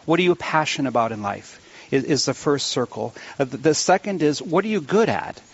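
A man's voice: fairly high pitch, lively intonation, a little fast, breathy edge. Male radio host, dull band-limited sound. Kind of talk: live radio round-table interview. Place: live remote broadcast from a church.

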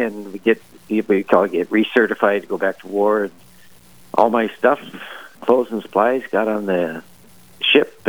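A middle-aged man calls in over the phone, his voice low and dry. He answers in a halting, casual way, full of fillers and restarts, and sometimes chuckles. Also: dry recording, lo-fi sound. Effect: heard over the phone. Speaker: priest and army chaplain, radio guest.

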